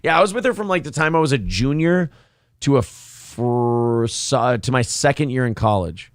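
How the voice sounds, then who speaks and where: A man's voice: medium pitch, expressive, moderate pace, clean tone, no echo, studio quality. A man hosting a live talk show, bantering and answering listeners in a cocky, taunting, mock-apologetic way, with profanity.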